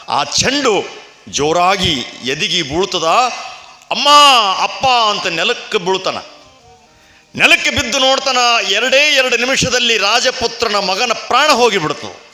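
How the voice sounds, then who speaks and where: Male preacher, bright and forceful, a dramatic storytelling sermon. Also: high-pitched. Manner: acts out characters' cries and shouts, then explains to the audience. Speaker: religious storyteller. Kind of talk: dramatic devotional purana sermon.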